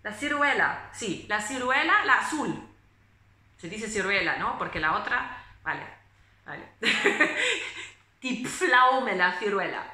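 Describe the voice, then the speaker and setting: Slow, bright-voiced woman teaching phonetics. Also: mid-range voice, lively intonation, roomy sound. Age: late 20s. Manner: slow, deliberate explanations with hesitant fillers; reads German prose aloud in a measured voice. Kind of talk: German phonetics lesson in Spanish.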